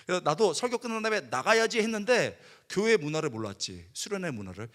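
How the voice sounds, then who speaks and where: Male pastor preaching in a church, animated storyteller, fairly high voice, lots of swing in pitch. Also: fast. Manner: storytelling, acting out his past self with lively outbursts. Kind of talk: sermon. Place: church worship hall.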